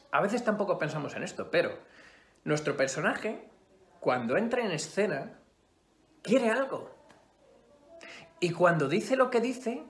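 Male theatre teacher, Spain accent, animated lecturer who drops to near-whispers for effect; roomy recording. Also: sits high. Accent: Spain Spanish. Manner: expressive, swings between loud emphasis and hushed asides. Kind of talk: acting class lecture. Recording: roomy echo.

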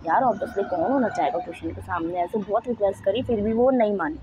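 A woman's voice: medium pitch, brisk, warm tone, slight background noise. A woman from India retelling a story in a casual vlog, chatty, often checking in with "okay". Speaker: vlogger. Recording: dull lo-fi recording.

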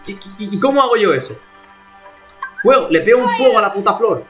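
A man's voice: high voice, lively intonation, a little fast, music in the background. A man from streaming a video game live, talking to himself in exasperated bursts and swearing as he plays. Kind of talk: live gameplay commentary.

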